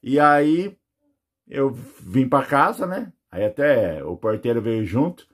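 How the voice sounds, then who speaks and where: Husky Brazilian man telling a story. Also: mid-range voice, lively intonation, takes it slowly. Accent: Brazilian Portuguese. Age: adult with children. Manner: rambling storytelling with many fillers. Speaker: near-death experience witness. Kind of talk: personal testimony.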